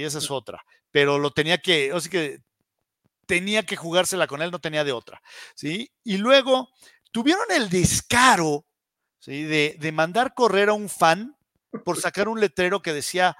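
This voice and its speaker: A Mexican man with a high voice rants on a live football show, sarcastic and indignant. He keeps asking "¿sí?" as he piles up his complaints. His voice sounds close and dry, with no room around it. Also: fairly bright tone, dry recording. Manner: indignant, sarcastic, says "¿sí?" often. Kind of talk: heated opinion rant.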